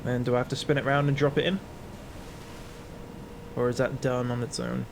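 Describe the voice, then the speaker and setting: A man's voice: medium pitch, level tone, moderate pace, vocal fry, noisy background. A man giving casual gameplay commentary, narrating his own actions and thinking aloud as he plays. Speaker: gaming video host.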